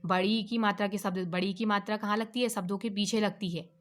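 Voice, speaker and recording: A woman teaching an alphabet lesson to children, asking questions and answering them herself, drawing out each letter slowly. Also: medium pitch, fairly even intonation. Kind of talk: online Hindi lesson for children.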